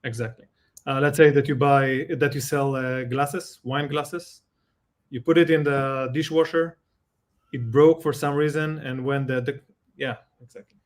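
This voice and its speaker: A man with an Israeli accent, a guest expert in a live Q&A, explaining calmly with examples and halting rephrasing. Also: mid-range voice.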